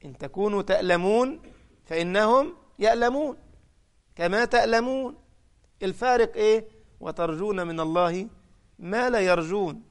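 Here a man preaches with an Egyptian Arabic accent, his voice pitched high for a man, at normal speed with long pauses. The story unfolds dramatically: quoted cries come out louder, and the important points land with force.

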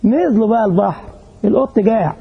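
A middle-aged Egyptian preacher who delivers his sermon in a high, husky voice with a gravelly edge. He keeps throwing rhetorical questions at the congregation. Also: expressive, quick pace, highs cut off. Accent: Egyptian Arabic. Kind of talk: mosque sermon with storytelling.

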